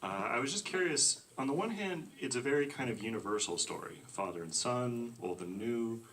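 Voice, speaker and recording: A man's voice: mid-range voice, expressive, moderate pace, a bit bright, recorded from a distance. A man in the audience asking a thoughtful, friendly question about storytelling. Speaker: audience member.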